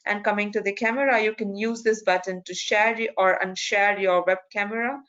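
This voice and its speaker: A woman's voice: medium pitch, steady tone, brisk, a bit bright. A woman moderating an online conference, giving polite step-by-step instructions with frequent restarts, heard through a video call screen recording. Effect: captured in a video call screen recording. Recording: dull lo-fi video call audio.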